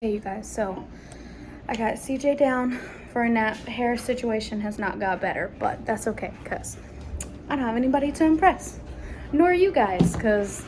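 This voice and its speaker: Her voice is a little high and a little mellow, expressive and moderately paced, with a faint hiss or hum. This young woman, a family vlogger, chats casually to camera from her home, rambling along to viewers with a southern-flavored "y'all."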